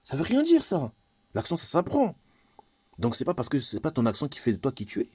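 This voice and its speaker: A man's voice: medium pitch, expressive, a little fast, mellow, breathy edge, dry recording, clean studio sound. A man from Congo ranting in a vlog monologue, confrontational and repetitive, firing rhetorical questions. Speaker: vlogger.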